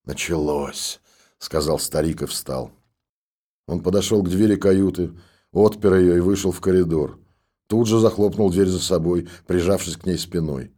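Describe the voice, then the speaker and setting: A man narrating an audiobook in a steady, even reading. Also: sits low, normal speed.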